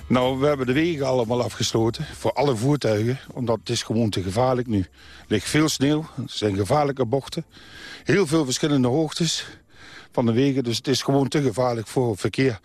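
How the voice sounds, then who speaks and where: Male traffic official, medium pitch, plain and patiently firm, dry outdoor interview sound. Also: fairly quick, a little mellow, no room sound. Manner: matter-of-fact, patiently insistent. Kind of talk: spontaneous radio interview. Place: outdoors on a snowy road.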